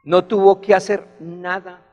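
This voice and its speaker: A man's voice: high voice, little pitch movement, a little slow, darkish tone, in a large hall, dull audio. A man preaching a sermon, rising into emphatic bursts as he retells a story.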